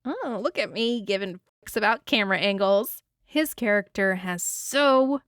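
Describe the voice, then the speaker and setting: A woman hosting her own podcast, reviewing a movie in casual, animated talk with frequent swearing and laughter. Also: medium pitch, unhurried, no room sound, studio quality. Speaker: podcast host.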